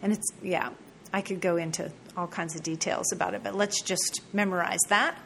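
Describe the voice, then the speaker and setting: A woman with a fairly low voice talks through a yoga teacher training lesson. She repeats each term slowly and spells it out, dropping in casual asides. Faint background noise sits under her voice. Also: fairly even intonation, creaky, fairly bright tone. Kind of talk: recorded teaching talk.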